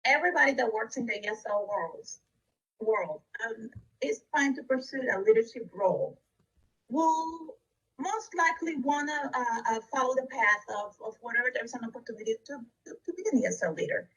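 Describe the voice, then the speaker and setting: Husky-voiced woman presenting. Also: on the high side, lively intonation, normal speed, fairly bright tone, far from the mic, low-quality recording. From Costa Rica. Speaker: district education leader. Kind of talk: recorded webinar presentation.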